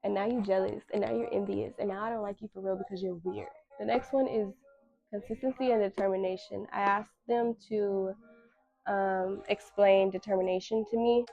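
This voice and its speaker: A woman's voice: medium pitch, creaky, dark tone, no echo, dull audio. A woman in her twenties hosting a casual solo talk, candid and slangy, with emphatic repetition. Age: 20s. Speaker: podcast host.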